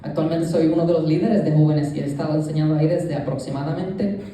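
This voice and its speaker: A man's voice: on the high side, fairly even intonation, quick pace, mellow, a little hiss or hum. A young man from Rico, earnestly telling his personal testimony to a church congregation and addressing them directly. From Puerto Rico. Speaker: youth leader giving a church testimony. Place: church sanctuary. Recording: echoey church hall, voice from a distance.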